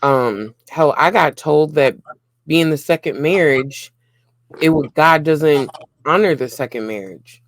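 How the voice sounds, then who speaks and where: A man's voice: fairly high pitch, a little slow, dry recording. A man co-hosting a casual relationship talk, speaking earnestly in short repeated phrases. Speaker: co-host of a relationship channel.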